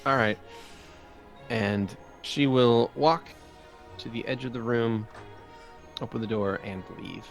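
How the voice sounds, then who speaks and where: A man narrating as game master for a tabletop role-playing game, in a relaxed, easygoing way. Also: medium pitch, slow, creaky, faint music behind.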